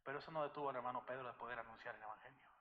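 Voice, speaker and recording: A man's voice: medium pitch, fairly even intonation, very fast, dull audio. A man preaching a sermon as pastor, telling a story and addressing the congregation as brothers. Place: church sanctuary. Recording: echoey church hall.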